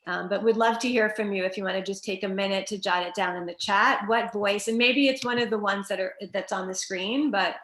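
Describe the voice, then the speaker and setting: A middle-aged woman leads a career webinar in a loose, conversational way, full of "you know" and restarts. Her voice sits at an ordinary pitch and rings in a reflective room. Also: a little fast, hardly any pauses, reverberant, slight background noise. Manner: relaxed, many fillers and restarts. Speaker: career coach co-hosting a webinar.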